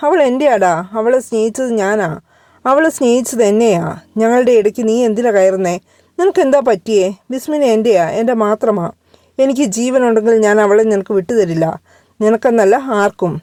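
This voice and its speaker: A woman voicing a lovesick young man who pleads and shouts in a shaky voice. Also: a little high, fairly quick, dry recording, studio quality, lightly acted. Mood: desperate.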